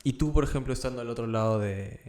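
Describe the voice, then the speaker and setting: A man hosting an interview, relaxed and full of filler phrases. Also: medium pitch, fast talker. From Peru. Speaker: podcast host. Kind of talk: casual interview chat. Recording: roomy echo.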